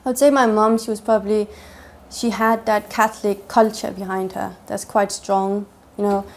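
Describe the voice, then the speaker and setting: In a personal testimony interview, a woman from Denmark shares her story with a flat delivery at a moderate pace. Her mid-range voice stumbles through frequent fillers and restarts.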